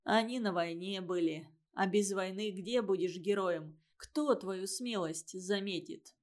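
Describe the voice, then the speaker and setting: A woman's voice: mid-range voice, unhurried, lightly acted. A woman reading a story aloud and giving a condescending schoolboy his lines in a lecturing tone. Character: know-it-all schoolboy, condescending and boastful.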